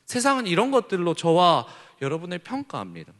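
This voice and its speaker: A man in his thirties preaching a sermon to teenagers as youth pastor, moving between hushed, soft remarks and loud, fervent exclamations. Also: high-pitched, fairly quick. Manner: animated, swings between hushed asides and loud shouted slogans. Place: church sanctuary. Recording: long hall reverb.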